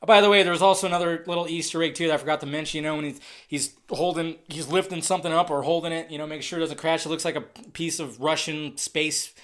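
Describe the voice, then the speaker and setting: Excitable, foul-mouthed male reviewer. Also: on the high side, quick pace, hardly any pauses. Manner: excitable, profane, ranting; swings between loud outbursts and muttered asides. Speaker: movie trailer reviewer. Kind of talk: casual ranting review.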